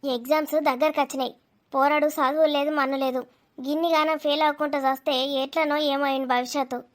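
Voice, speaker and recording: A strict village mother in a cartoon, voiced by a woman scolds and lectures nonstop. Her voice is very high and shrill. She sounds sharp-tongued and endlessly nagging. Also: flat delivery, brisk, lightly acted. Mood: irritated.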